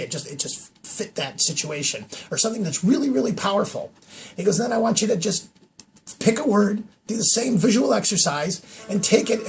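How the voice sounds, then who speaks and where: Earnest man with a high gravelly voice. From New York, USA. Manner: earnest, emphatic, repeats "I'll tell you". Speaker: vlog host. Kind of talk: personal storytelling to camera.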